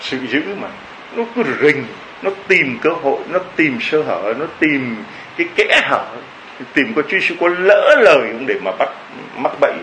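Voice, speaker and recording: Lively priest preaching. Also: male voice, on the high side, normal speed, a little hiss or hum, low-quality recording. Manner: lively storytelling with many rhetorical questions. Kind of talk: homily to a congregation.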